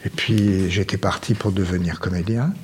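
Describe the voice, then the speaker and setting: An older man from Marseille, a guest on a radio chat show. He is talkative and searches for his words, with frequent pauses. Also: low voice, fairly even intonation, a little hiss or hum. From Marseille, France.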